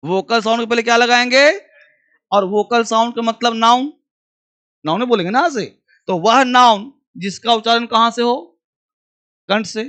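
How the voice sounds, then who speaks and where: Brief: male classroom teacher, high-pitched, drills and dictates slowly. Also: bright, forceful tone. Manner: repeats phrases slowly for dictation; questions the class and answers himself. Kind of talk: classroom grammar lesson.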